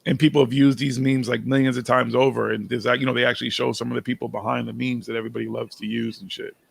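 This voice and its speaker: A man's voice: mid-range voice, flat delivery, fast, creaky, husky, dry recording. A man hosting a casual stream chat, talking in a laid-back, profane way. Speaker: stream host.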